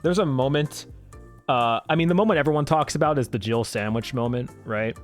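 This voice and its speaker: Male streamer, casual and enthusiastic live commentary, mid-pitched voice, loose swearing, soft music underneath. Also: a little fast. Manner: enthusiastic, profane, laughs while talking.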